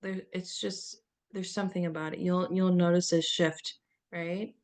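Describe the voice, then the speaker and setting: A middle-aged woman giving a gentle, meandering self-help talk as a spiritual coach, with many fillers and soft laughs. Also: fairly low pitch, flat delivery, normal speed.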